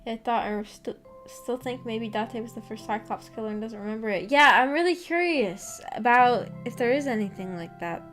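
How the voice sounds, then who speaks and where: This is a VTuber host's voice, on the high side and a bit bright, delivered at a moderate pace. She rambles to her viewers in a giggly, self-deprecating, casual way, with music playing behind her.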